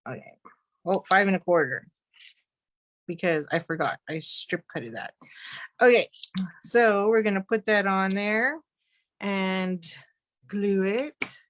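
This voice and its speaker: A woman teaching a live virtual card-making class, chatty and quick to laugh at her own slip-ups. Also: medium pitch, lively intonation, no echo.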